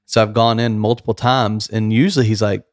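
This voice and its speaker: A man's voice: lowish voice, steady tone, fairly quick, dry recording. Sincere man on a dry podcast mic. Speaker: podcast host. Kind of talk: casual podcast conversation.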